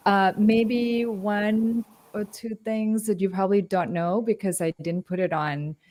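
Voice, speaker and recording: A woman's voice: mid-range voice, steady tone, a little slow, darkish tone. A woman introducing herself on a video call in a chatty, giggly way. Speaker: guest speaker. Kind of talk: casual self-introduction.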